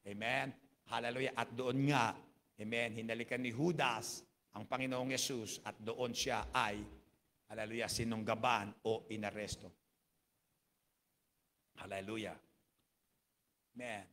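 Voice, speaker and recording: A man's voice: medium pitch, fairly even intonation, measured pace, pauses often, fairly bright tone, a little hiss or hum. A man with a Filipino accent preaching a sermon as pastor, scattering hallelujah and amen through every phrase and mixing English into his Filipino. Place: church.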